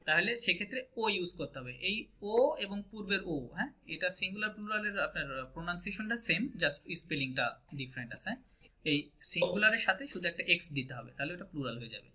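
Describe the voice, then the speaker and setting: A man's voice: sits high, lively intonation, a little fast, sharp tone. A man with a Bangladeshi Bengali accent teaching a French class, patient and often asking checking questions. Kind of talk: online language class.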